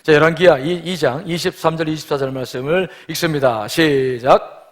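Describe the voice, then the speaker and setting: A man's voice: fairly high pitch, moderate pace. Man preaching, emphatic conversational swells. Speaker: pastor. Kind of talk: sermon.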